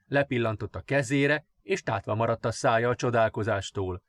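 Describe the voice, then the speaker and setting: A man narrating children's fairy tales in a gentle, expressive reading. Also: mid-range voice, no echo. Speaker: audiobook narrator. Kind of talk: storybook narration.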